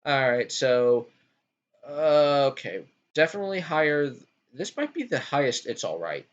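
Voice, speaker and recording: In a relaxed video game chat, a male podcast host ranks game worlds, his pitch jumping widely from line to line. He's animated, fills pauses with frequent ums, and hops between thoughts, all on a dull, lo-fi recording.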